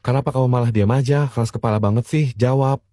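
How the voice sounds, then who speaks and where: A man playing a sly, fast-talking dad. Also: medium pitch, fairly even intonation, heavy background noise, natural voice. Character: scheming sly family father.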